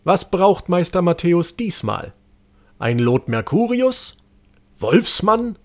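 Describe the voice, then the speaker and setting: A man's voice: high voice, very animated, takes it slowly, pitched above the performer's own voice, heavily acted. A man voicing a cheery, friendly male apothecary in a storybook reading. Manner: bright, welcoming.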